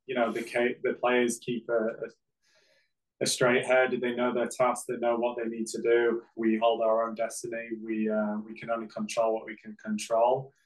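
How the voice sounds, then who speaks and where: A man, a football coach answering press questions after a game on a video call, measured and full of fillers. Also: mid-range voice, poor audio. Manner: measured, flat delivery with many fillers. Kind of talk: post-game press conference. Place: press backdrop, indoors.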